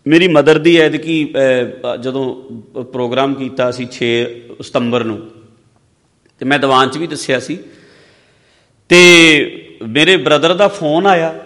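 A man giving a sermon, mixing advice with personal stories, swinging between loud emphasis and soft low asides. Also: fairly even intonation, slow pace, long pauses. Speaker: religious preacher. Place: large hall or stage. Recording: long hall reverb.

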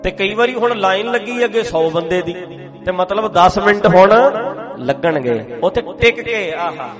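A man preaching a sermon, emphatic and humorous, swinging from loud declarations to soft asides. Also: sits high, lively intonation, moderate pace. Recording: muffled with music behind.

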